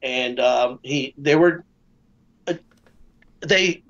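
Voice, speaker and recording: A man talking casually as a guest, halting often with fillers and restarts. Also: medium pitch, fairly bright tone, dull audio. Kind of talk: casual discussion.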